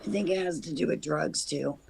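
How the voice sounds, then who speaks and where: Female call-in guest, hoarse and heavily gravelled, casual talk over a slightly noisy connection. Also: sits low, fairly quick, a little mellow. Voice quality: hoarse, raspy. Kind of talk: casual chat.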